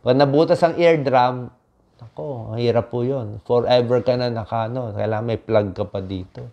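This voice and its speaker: A man's voice: mid-range voice, moderate pace, gravelly, dull audio. A man, a doctor, giving friendly health tips to viewers in a chatty lesson, checking in often with short tag questions. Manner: conversational, repeats tag questions like "di ba" and "okay". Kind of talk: casual health talk to viewers.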